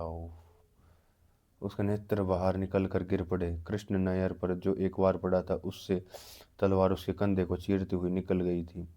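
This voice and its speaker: A man reading a novel aloud, halting and restarting words often. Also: low voice, mellow. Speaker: narrator.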